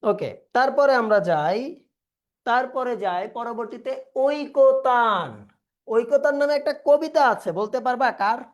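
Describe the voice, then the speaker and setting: A man's voice: very high voice, highs cut off. Male teacher drilling pronunciation. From Bangladesh. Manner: slowly drills word pronunciations, repeating words; quizzes students and reads their chat replies. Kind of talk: online revision class. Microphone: video call.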